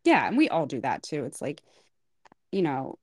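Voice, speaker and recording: A woman's voice: low voice, wildly swooping pitch, moderate pace, a little mellow, breathy edge, no echo. A woman co-hosting a podcast about hair styling, chatting casually and animatedly with lots of filler words. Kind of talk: casual chat.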